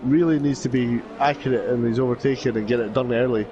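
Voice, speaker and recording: A man's voice: medium pitch, steady tone, fast talker, highs cut off, noisy background. A man giving conversational live motorsport commentary and analysis, often restating his calls as a racing commentator.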